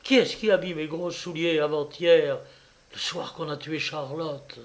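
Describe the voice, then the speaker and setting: A man voicing a big, strong young butcher who is frightened and speaks in a hoarse, rough voice. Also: fairly high pitch, fairly even intonation, unhurried. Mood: anguished. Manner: rough, threatening then fearful.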